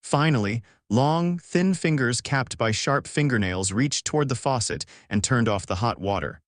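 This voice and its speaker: A man, the author, reading his short story aloud in a measured, expressive way. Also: medium pitch, no room sound, clean studio sound. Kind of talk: storybook narration.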